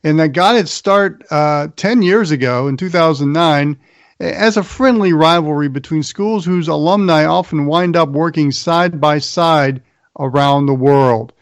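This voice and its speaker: In a dry recording, an American sports radio host with a fairly high voice unhurriedly presents a college football round-up of news and previews, some of it scripted narration.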